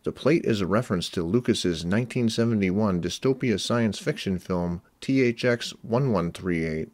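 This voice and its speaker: Low-voiced man narrating an essay. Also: darkish tone, no echo. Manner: measured, explanatory. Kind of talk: scripted analytical narration.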